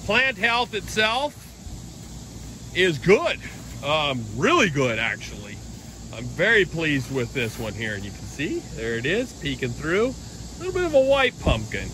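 A man's voice: on the high side, unhurried, a little hiss or hum, low-quality recording. A middle-aged man giving a casual, rambling walking tour of his giant pumpkin garden outdoors, filmed on a handheld phone. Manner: relaxed, rambling, explains as he walks.

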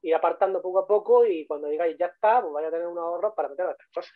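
A Spanish man with a Spanish accent talks in a high-pitched, rapid-fire voice, recorded dry, as a guest 3D modeler giving a casual online talk over a video call. He's chatty and repeats points for emphasis, and the call audio sounds tinny and phone-like.

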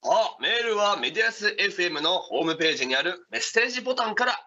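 Guy doing an eager feudal ninja sidekick reading radio mail, high lively voice, courteous old samurai wording. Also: fast talker, muffled recording, full character voice. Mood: brisk, courteous. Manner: polite archaic samurai-era Japanese. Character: deferential, upbeat ninja retainer of feudal Japan. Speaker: radio co-host reading listener messages. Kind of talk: in-character live radio co-hosting.

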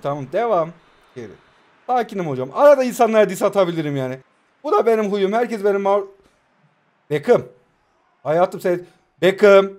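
A man in his twenties speaking with a Turkish accent, commentating his own mobile football match live, excitable and talking to himself, with sudden swings from quiet muttering to loud outbursts. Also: sits high, a little fast, long pauses. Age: 20s. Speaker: mobile football gamer and streamer.

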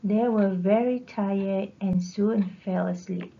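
A teacher with a Malaysian English accent reading a storybook aloud to her class in a careful, measured way, in a dull lo-fi recording. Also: medium pitch, fairly even intonation, vocal fry, dark tone.

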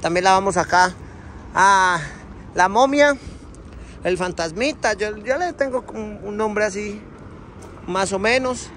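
A Colombian-accented trucking company owner in his thirties films a casual vlog walkaround of his trucks, holding his phone at arm's length in an outdoor yard and truck cab. He's chatty and affectionate, full of diminutives, with a high, slightly bright voice, a slow pace, and long pauses. A little hiss or hum is audible.

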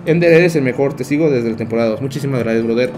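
Talking very fast in a mid-range, darkish voice, a young streamer with a Mexican Spanish accent plays a game live from his small bedroom. He keeps chatting with viewers, telling stories and frequently laughing and joking, with faint music behind him.

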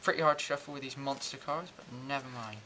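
A young man in his teens giving an informal, halting step-by-step card trick tutorial in amateur magician patter. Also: medium pitch, sharp tone, a little hiss or hum. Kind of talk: informal step-by-step demonstration and explanation. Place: indoors at a table and whiteboard.

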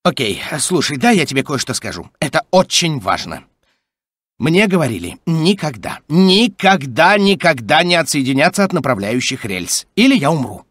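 A man voicing a chatty, nervous male robot sidekick in a dubbed video game, talking in an excitable rambling way. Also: fairly high pitch, moderate pace, no echo.

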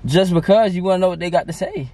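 A man's voice: high voice, fast, warm tone, slight background noise. A young man chatting with a friend in a car at night on a road trip. He is pushy and teasing. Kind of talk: casual chat.

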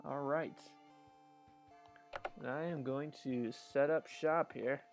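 A man's voice: medium pitch, fairly even intonation, takes it slowly, vocal fry, soft background music. A man streaming a game live, chatting in a rambling way with frequent laughs. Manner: chatty and rambling, laughs often, restarts sentences. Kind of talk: casual live-stream commentary.

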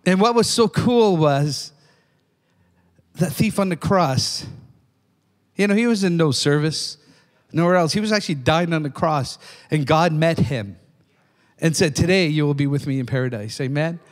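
Older male preacher, high voice, fervent sermon delivery, long hall reverb. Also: measured pace, long pauses. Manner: fervent, repeats "amen?" to the congregation. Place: church.

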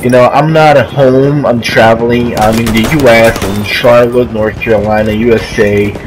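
A Brazilian-accented man whose native language is Portuguese gives hesitant gameplay commentary in a mid-range voice, often losing his words and beginning again, while a steady hiss runs under the audio. He's coughing due to allergies. Away from home, he's recording at a friend's house with a makeshift microphone, not his usual one, and the result is a noisy, poor-quality home recording.

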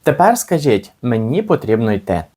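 A man with a Ukrainian accent teaching an English lesson, explaining patiently and saying model phrases slowly for learners to repeat. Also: medium pitch, big pitch swings, warm tone. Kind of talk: language lesson with slow repetitions.

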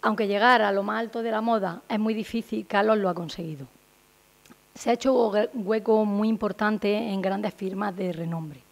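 A woman's voice: medium pitch, steady tone, normal speed, gravelly. A woman, giving a semi-formal presentation as a town councillor at a desk microphone. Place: small indoor meeting room. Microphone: gooseneck desk microphone.

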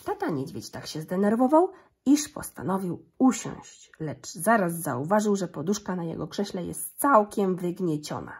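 A woman reading a fairy tale aloud to children, gentle and expressive. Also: lowish voice, moderate pace, slightly rough. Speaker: storyteller.

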